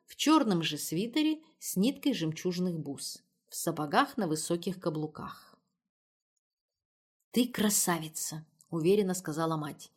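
A woman reading an audiobook in an even storytelling manner. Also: fairly low pitch, slightly rough. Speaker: audiobook narrator. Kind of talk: scripted narration.

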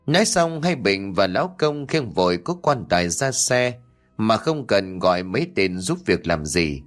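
A man narrating a horror audiobook story in a steady storytelling voice. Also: lowish voice, moderate pace.

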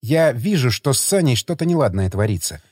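A man's voice: medium pitch, very animated, fairly quick, a little mellow, breathy edge, no room sound, clean studio sound. A man narrating an audiobook voices an angry young woman who speaks sharply and defiantly.

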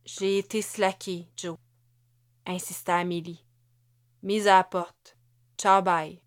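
A woman's voice: mid-range voice, fairly even intonation, a little slow, close to an everyday voice. A woman voicing a blunt, shaken woman who has just lost her job, speaking in clipped, terse sentences. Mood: flat, shaken. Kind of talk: audiobook character voice.

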